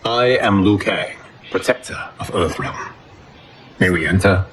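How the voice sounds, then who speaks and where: An actor playing a calm, stately god of fire in a video game, with formal, measured and grave speech. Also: male voice, sits low, a little hiss or hum. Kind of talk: cinematic video game acting.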